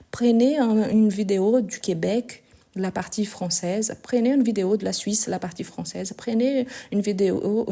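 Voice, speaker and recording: A woman with a Lyon French accent teaching a live French lesson, speaking slowly and deliberately, with exasperated asides. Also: mid-range voice, dark tone. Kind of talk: live-streamed language lesson.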